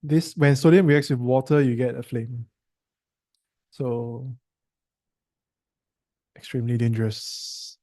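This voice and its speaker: A male tutor with a Singaporean English accent walks a student through a science lesson. His voice is warm and mellow at an ordinary pitch, and he quizzes and teases in an easy, chatty way. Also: steady tone, takes it slowly, long pauses.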